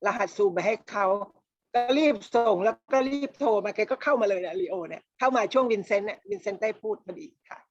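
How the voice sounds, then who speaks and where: A woman organizing a meeting, chatting casually and enthusiastically over a video call, with halting restarts. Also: medium pitch. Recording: dull lo-fi call audio.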